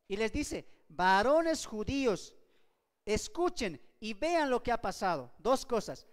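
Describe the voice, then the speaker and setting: Man, Bible study teacher, rhetorical questions, long hall reverb. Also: very high voice. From Bolivia. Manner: emphatic, asks rhetorical questions and repeats points.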